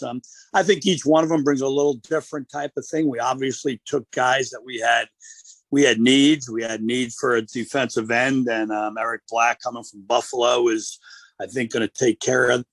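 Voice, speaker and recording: Male football coach as a radio guest; gravelly, steady, measured delivery, dry close sound. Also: medium pitch, no room sound.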